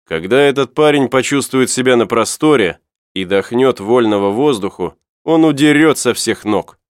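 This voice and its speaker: A man reading the lines of a gruff, skeptical sailor in a storybook, raised and emphatic. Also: medium pitch, animated, moderate pace, no room sound, studio quality, natural voice. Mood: scoffing.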